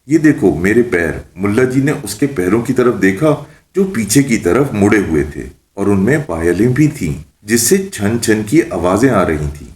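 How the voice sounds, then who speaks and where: A man narrating a children's story in an expressive, lilting storytelling manner. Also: on the low side, hardly any pauses. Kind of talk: scripted narration of a children's tale. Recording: roomy echo.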